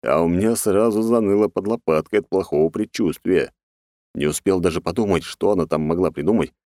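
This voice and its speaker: A man narrating a first-person fantasy audiobook in a sardonic, rough-edged, casually swearing manner. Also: low voice, brisk, dark tone, no room sound, clean studio sound.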